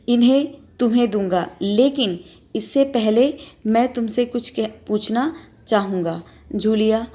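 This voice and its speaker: A woman doing an angry scolding male master. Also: a little high. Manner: shouting, trembling with anger. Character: angry male employer scolding his timid governess.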